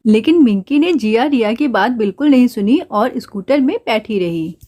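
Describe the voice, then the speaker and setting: A woman's voice: on the high side, animated, moderate pace, dark tone. A woman narrating a doll story for children in a plain storytelling manner.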